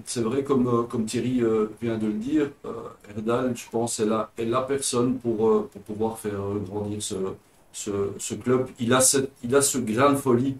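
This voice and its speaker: Man, enthusiastic co-host, mid pitch, roomy echo. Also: fairly even intonation, normal speed. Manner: enthusiastic, repeats words. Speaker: co-host, coach. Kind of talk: casual chat.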